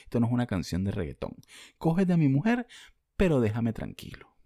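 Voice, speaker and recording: A man's voice: medium pitch, wildly swooping pitch, brisk, mellow, no room sound, clean studio sound. A young Venezuelan man ranting bluntly and profanely in a casual vlog, answering viewer comments. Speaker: vlogger.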